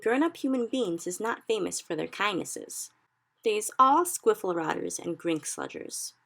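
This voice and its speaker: A woman voicing a big, friendly male giant in a storybook reading, who speaks slowly and mangles his grammar. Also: medium pitch, expressive, creaky, a bit bright, pitched above the performer's own voice. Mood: grumbling. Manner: slow, odd jumbled grammar.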